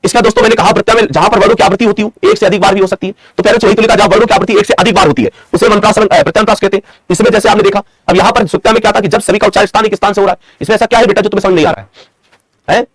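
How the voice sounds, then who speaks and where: A young man from India teaches an online grammar class in a high, slightly husky voice. He talks quickly, repeats each point as a question and its answer, and drills his students fondly. The sound is dry and close, with no room echo. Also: steady tone. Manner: affectionate teacher's address to students; dictates definitions slowly, word by word.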